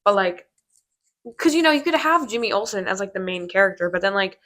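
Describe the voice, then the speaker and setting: A woman's voice: medium pitch, expressive, a little fast, fairly bright tone. A woman hosting a casual podcast, rambling with lots of fillers as she chats about movies. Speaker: podcast host. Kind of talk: casual chat.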